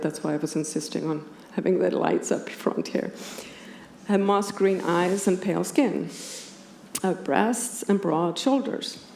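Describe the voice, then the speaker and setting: A gravelly-voiced Icelandic woman, fairly low in pitch yet warm in tone, lectures in a roomy space. She is an academic philosopher giving a partly scripted talk to a conference-room audience, and background noise in the hall is clearly audible.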